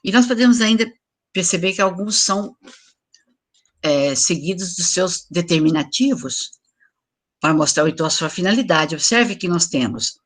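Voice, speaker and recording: A woman's voice: on the low side, lively intonation, normal speed. An older woman giving an online lecture to teachers, explaining examples and asking for the next slide. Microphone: video call.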